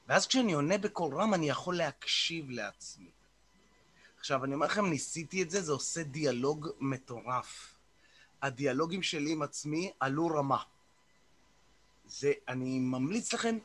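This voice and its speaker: Male group host on a video call: bright, tense tone, loose coaching talk, frequent "uh" and restarts. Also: a little high. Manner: informal, repeats words and fills pauses with "uh". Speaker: host of a morning group session. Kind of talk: casual coaching talk and guided meditation. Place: online video meeting.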